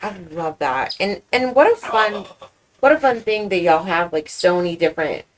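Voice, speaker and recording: A woman's voice: fairly low pitch, expressive, normal speed, poor audio. A woman interviewing in a casual, chatty and agreeable way. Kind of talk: casual chat.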